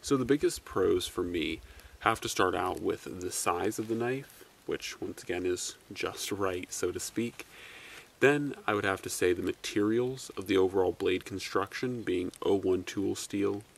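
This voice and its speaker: Deep gravelly man reviewing a knife. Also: unhurried. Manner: relaxed, talks in loose run-on phrases. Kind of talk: casual product review.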